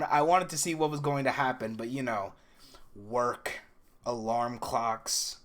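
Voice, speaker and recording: A young man recounting things in a casual first-person storytelling style, animated and acting out the dialogue as he goes. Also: a little high. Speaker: video creator recounting dreams.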